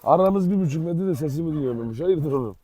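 Loud, teasing high-voiced man in a dog yard. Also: animated, fairly quick, slight background noise. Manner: loud, teasing, coaxes dogs with pet names. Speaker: dog channel host. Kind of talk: casual vlog to viewers. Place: outdoor yard with dogs.

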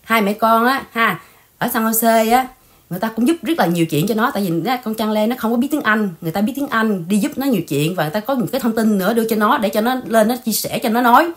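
Fast-talking woman host. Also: on the high side. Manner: animated, repetitive, addresses viewers directly. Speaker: channel host. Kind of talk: casual livestream chat.

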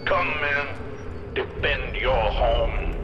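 An actor playing a proud, besieged emperor in a game, giving measured, pompous oratory to rally troops. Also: male voice, medium pitch, muffled recording, background noise. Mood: grave, rallying. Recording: distant broadcast, loud music and engines.

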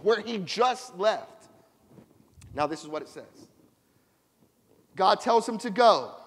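Pastor, male, high voice, slow deliberate sermon delivery, call-and-response, recorded in a reverberant church. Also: a bit bright. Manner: preaching with call-and-response to the congregation. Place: church sanctuary.

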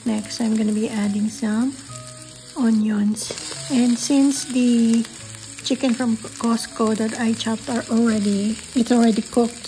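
A woman's voice: a little high, dark tone, rough recording. A middle-aged woman with a Filipino accent, walking through a recipe step by step in her home kitchen, slipping Tagalog asides into her English. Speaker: cooking vlogger. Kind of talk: casual cooking narration.

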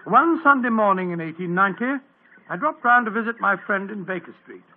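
A fussy, stammering old doctor on a tinny vintage radio play. His voice sits high and sounds gravelly and husky. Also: animated, fairly quick. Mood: narrating. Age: older. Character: bumbling, good-natured older doctor, man. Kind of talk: 1940s radio acting.

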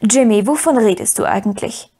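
A woman's voice: on the high side, moderate pace, warm tone, breathy edge. A woman reading an audiobook, voicing a stern, proud older aunt who speaks in a clipped, commanding way. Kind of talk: audiobook character voice.

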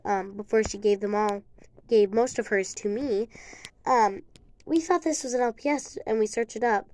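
Chatty higher-voiced young woman vlogger. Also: a little mellow. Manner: chatty, rambling, with many ums and likes. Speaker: vlogger showing her custom toy figures. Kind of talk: casual show-and-tell chat.

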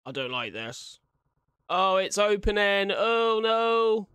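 This young adult creator reacts to horror with jokey, casual commentary and exclamations of dread, speaking close to a large desktop condenser mic in a small home room. His voice sits high and sing-song, bright, forceful and smooth, at a slow pace.

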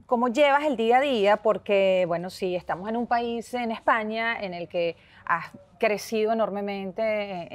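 A woman hosting an interview, asking questions with animated enthusiasm. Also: a little high. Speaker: interview host. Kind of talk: conversational interview.

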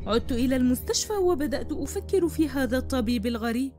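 A woman narrating a cartoon story in the first person, with a brisk, dramatic manner. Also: high-pitched, animated, warm tone, faint music behind.

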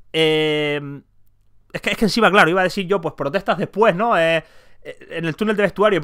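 A man's voice: high voice, pushed and bright, clean tone. A man giving his opinion in a vlog about football, heated and emphatic, swearing freely. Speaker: football commentator.

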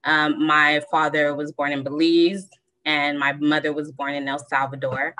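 Young woman, low bright voice, measured personal storytelling, video call guest. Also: little pitch movement, poor audio. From Southern California. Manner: measured, many ums, reflective. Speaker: panel guest.

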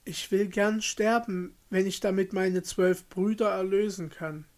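A man reading aloud and voicing a gentle, devoted young princess in a fairy tale, speaking softly. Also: high voice, fairly even intonation, a little slow.

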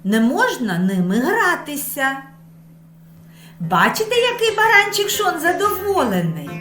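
Female preschool teacher, slow, sing-song and lively, echoey room with light music behind. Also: high voice. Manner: sing-song, stretching words to show stress. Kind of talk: slow lesson for small children.

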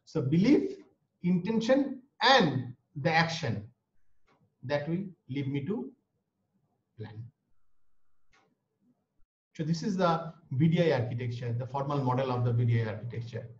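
His voice sits fairly high and sounds animated, though he talks a little slowly and leaves long pauses. The man, who has an Indian English accent and speaks Bengali natively, is giving an online lecture in which he explains every point twice. Audio comes through a webcam or laptop mic on a video call, dull and roomy.

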